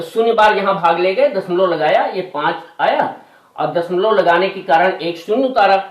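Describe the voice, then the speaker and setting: A man teaching a maths lesson step by step, patient, going back over the steps and correcting himself aloud. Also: high voice. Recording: echoey room, voice from a distance.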